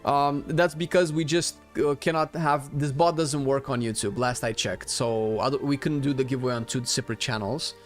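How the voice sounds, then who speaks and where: A man's voice: medium pitch, fairly even intonation, moderate pace, hardly any pauses. A man chatting informally on a live game stream, talking to viewers with the odd swear word. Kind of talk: casual live-stream chat while gaming. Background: faint game music.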